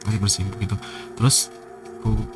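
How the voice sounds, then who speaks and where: A man's voice: lowish voice, flat delivery, fairly quick, rough recording. A man telling a personal horror story in a casual, hesitant way, often quoting what he said. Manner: hesitant, quoting his own words, soft-spoken. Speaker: guest storyteller. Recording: music playing behind.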